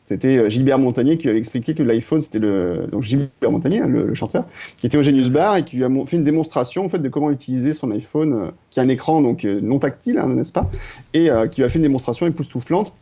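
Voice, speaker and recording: A man's voice: medium pitch, expressive, quick pace, mellow. A man on a tech podcast panel, talking casually and hesitantly, with many fillers and restarts.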